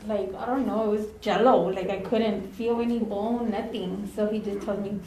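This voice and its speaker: A woman's voice: mid-range voice, fairly even intonation, normal speed, warm tone, slight background noise. A woman telling stories at a eulogy, chatty and dropping Spanish phrases into her English. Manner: chatty, laughing through anecdotes, drops in Spanish phrases. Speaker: former ambulance partner giving a eulogy. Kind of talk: storytelling eulogy. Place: funeral home chapel. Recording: echoey chapel with faint ambience.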